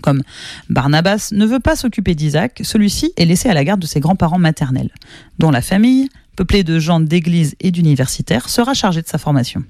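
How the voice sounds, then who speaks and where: A man's voice: fairly high pitch, sing-song, a little fast, a little mellow, dry recording. A man presenting a radio programme in scripted narration.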